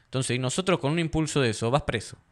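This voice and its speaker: A young Argentine man recounting street and ring episodes in an interview. He talks casually, keeps laughing, and puts on other people's lines in a louder voice. His pitch sits in the ordinary middle for a man. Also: fast talker. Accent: Argentine Spanish. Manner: animated, acts out quotes in a raised voice, laughs often. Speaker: fighter guest.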